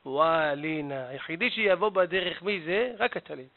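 A man's voice: a little high, lively intonation. A man preaching a sermon to an audience, telling a parable with emphatic, dramatic delivery. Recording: tinny phone-like audio.

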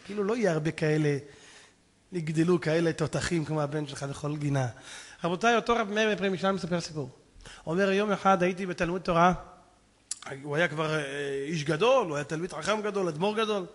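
A man, a rabbi, telling stories in a sermon, swinging from hushed tones to impassioned shouting. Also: a little high. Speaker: rabbi preacher. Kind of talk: storytelling sermon. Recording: long hall reverb.

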